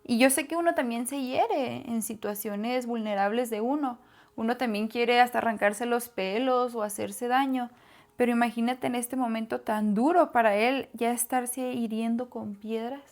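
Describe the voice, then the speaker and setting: A woman's voice: fairly high pitch, steady tone, moderate pace. A woman co-hosting a casual Bible discussion, agreeing and adding reflections. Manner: agreeable, fills in with frequent "ujú" and echoes. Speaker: Bible study co-host.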